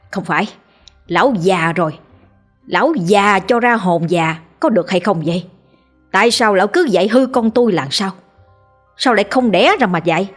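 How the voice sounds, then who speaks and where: A woman voicing an angry old village father who rants and scolds in shrill bursts. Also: slightly rough. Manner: shrill and ranting.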